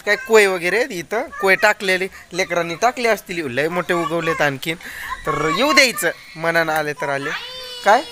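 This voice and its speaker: A man's voice: high voice, bright, forceful tone, slight background noise. A man chatting casually to viewers as he films around his farm, pointing things out as he goes. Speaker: village vlogger. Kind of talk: casual vlog narration. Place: outdoors on a farm.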